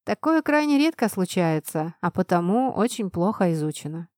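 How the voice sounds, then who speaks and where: A woman's voice: on the low side, sing-song, normal speed, darkish tone, no room sound, studio quality. A woman reading an audiobook, voicing a friendly, knowledgeable young male student who explains things patiently. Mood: explaining. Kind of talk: audiobook narration.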